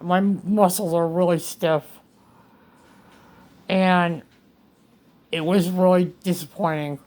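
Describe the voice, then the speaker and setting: Speaking slowly in a steady, slightly mellow voice, a woman shares a meandering personal story in a home vlog, full of restarts and repeated words. When quoting others, she raises her voice higher. The audio quality is low.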